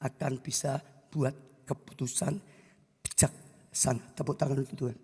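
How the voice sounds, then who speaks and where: A man preaching a sermon as pastor, telling a story to the congregation in an animated way, swinging between loud bursts and hushed tones. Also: medium pitch, measured pace, breathy edge. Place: church hall. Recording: echoey church hall with long reverb.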